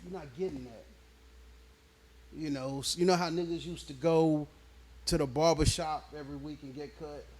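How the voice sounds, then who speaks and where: Laid-back man, slightly high voice. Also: fairly even intonation, moderate pace, pauses often, darkish tone. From born in Nigeria, raised in Houston, Texas. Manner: laid-back, slang-heavy, keeps checking in with the listener. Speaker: rapper, interview guest. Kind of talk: casual interview storytelling.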